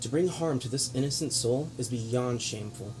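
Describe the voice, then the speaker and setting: A man's voice: medium pitch, normal speed, lightly acted. A man playing a righteous, stern adventurer delivering a solemn, grandiose monologue in a tabletop role-play. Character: righteous noble-minded adventurer lecturing sternly. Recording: clear background noise.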